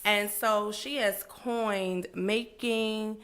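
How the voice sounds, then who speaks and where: A woman co-host introducing a guest, animated, stretching words for emphasis and talking to the audience. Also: medium pitch, very slow. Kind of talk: introducing a guest on a talk show.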